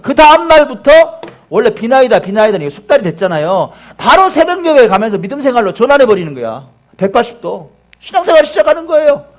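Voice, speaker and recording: A male pastor preaching a sermon, telling a story animatedly with rhetorical questions. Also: extremely high pitch.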